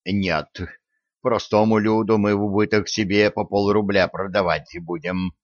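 A man voicing an elderly patriarch who speaks slowly in a measured, fatherly manner. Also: lowish voice, little pitch movement, no echo, natural voice. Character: elderly male patriarch, calm, dignified, shrewd. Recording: dry, dull lo-fi audio.

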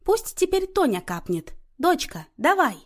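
A woman reading an audiobook, voicing a bossy, nosy mother who talks loudly and scolds. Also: sits high, very animated, unhurried, voice pushed up. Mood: indignant. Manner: loud, indignant, scolding. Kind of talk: audiobook character voice.

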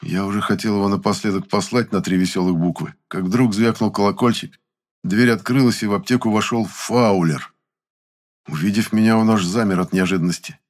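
A man reading a first-person audiobook narration in an even, measured way. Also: on the low side.

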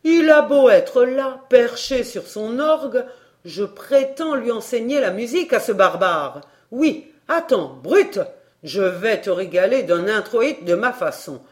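A woman voicing a drunken old male music master who shouts commands in wild exaltation. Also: fairly high pitch, lively intonation, normal speed, lightly acted. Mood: ecstatic.

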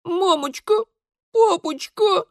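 A man's voice: extremely high pitch, takes it slowly, no echo, clean studio sound, voice pushed up. A man doing a whimpering plump little girl. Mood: whiny. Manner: pitiful lisping whimper.

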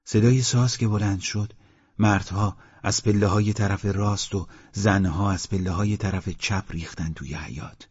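Husky low-voiced male audiobook narrator. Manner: calm, measured reading. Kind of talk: scripted literary narration. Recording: dull lo-fi audiobook recording.

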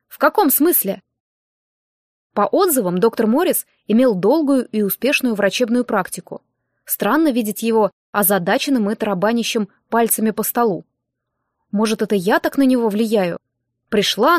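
A woman reading a first-person audiobook in a measured, even storytelling manner. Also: fairly high pitch, no echo, clean studio sound. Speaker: audiobook narrator.

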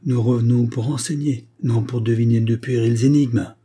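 A man's voice: mid-range voice, steady tone, moderate pace, mellow, breathy edge, lightly acted. A man reading an audiobook, voicing the hard, cold spirit of a dead man who speaks through a medium. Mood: solemn, cold. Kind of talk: audiobook character voice.

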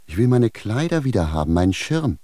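An actor playing a confused, blunt village shoemaker who speaks plainly and indignantly in a radio drama. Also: male voice, fairly low pitch, sing-song, a little fast, warm tone, no echo, studio quality. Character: bewildered male village shoemaker, blunt, stubborn.

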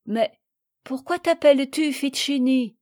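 A woman's voice: high-pitched, unhurried, a little mellow, dry recording, clean studio sound. A woman reading the lines of a frank, naive little boy in a storybook. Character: small boy, young, frank.

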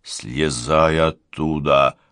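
A man voicing a worried middle-aged divorced father in an audiobook, in a low, tense, urgent delivery. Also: unhurried, bright, forceful tone, dry recording, studio quality, full character voice.

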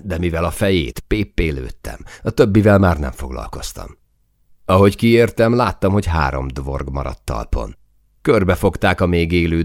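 A man reading a first-person audiobook in a tense manner, rising to shouts in the dialogue. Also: extremely low pitch, no echo, studio quality. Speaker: audiobook narrator.

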